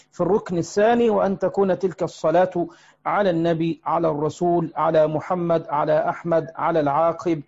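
High-voiced man teaching a religious lesson. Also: darkish tone. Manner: explanatory, with frequent hesitant fillers. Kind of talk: religious lesson explaining a text. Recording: muffled lo-fi recording.

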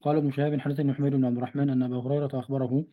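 A man reading a classical commentary aloud to his teacher in a fast, even recitation, now and then correcting himself. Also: mid-range voice, narrow, tinny audio. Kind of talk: traditional classical text recitation.

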